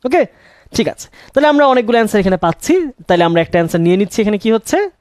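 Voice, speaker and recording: A man's voice: high voice, big pitch swings, very fast, a little mellow, clean tone, no room sound, clean studio sound. A young man teaching English grammar, asking questions and answering them himself and repeating key words. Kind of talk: classroom-style grammar lesson.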